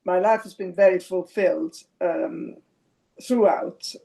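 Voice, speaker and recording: Older Swiss-born woman, mellow voice. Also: lowish voice, a little slow, gravelly. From Switzerland. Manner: chatty, with hesitant fillers. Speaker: podcast guest. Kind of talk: casual interview chat.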